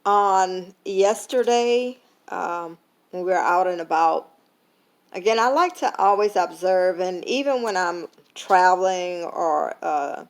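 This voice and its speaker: A woman's voice: on the low side, slow pace. Tired woman, casual vlog talk with lots of "um", retelling with quoted dialogue. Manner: conversational, many fillers, retelling with quoted dialogue. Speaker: vlogger sharing a faith lesson. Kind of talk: casual reflective talk to camera.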